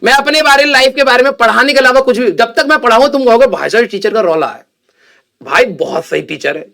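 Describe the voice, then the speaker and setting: A young man with a high, ringing voice tells a personal story to his students in a loose, chatty way. He keeps checking in with "okay" and acts out what people said, and the voice stays bright and forward throughout. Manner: chatty, animated, says "theek hai" often and acts out quotes. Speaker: teacher telling a personal story.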